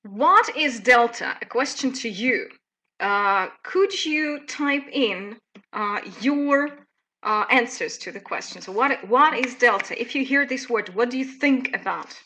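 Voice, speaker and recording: Presenting a live educational webinar, this woman in her thirties speaks with a Russian accent in a slightly high voice. She keeps things lively and conversational, with plenty of fillers.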